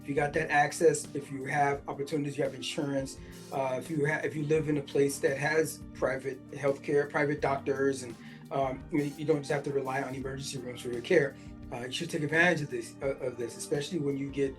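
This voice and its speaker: A man's voice: mid-range voice, little pitch movement, fairly quick, soft background music. A man in his forties hosting a podcast, reading a news article aloud and stopping often to react in casual asides full of fillers. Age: 40s. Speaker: podcast host.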